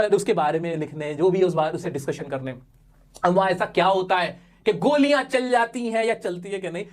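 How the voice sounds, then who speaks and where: Playful male teacher quizzing himself. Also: high voice. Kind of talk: animated exam-prep lecture.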